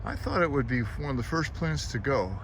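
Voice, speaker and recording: A man's voice: medium pitch, lively intonation, brisk, fairly bright tone. American man talking over outdoor traffic noise. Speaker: garden vlogger. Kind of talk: casual garden walk-through vlog. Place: outdoors in a home garden. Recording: noisy outdoor recording with traffic. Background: traffic and outdoor ambience.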